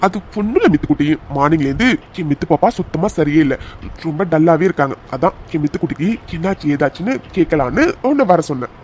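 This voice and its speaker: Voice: medium pitch, animated, quick pace, a little mellow, slight background noise, lightly acted. An actor voicing a playful young man in love in a cartoon, who talks in a teasing, affectionate way. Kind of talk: animated cartoon dialogue.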